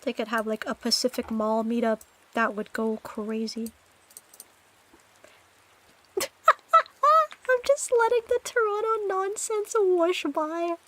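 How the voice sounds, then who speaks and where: A woman streaming live, chatting with her viewers in a loose, joking way that keeps tipping into giggles. Her voice sits high and bright. She takes her time, letting the words drawl out slowly. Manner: playful and giggly, talking to chat. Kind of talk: casual chat with live chat.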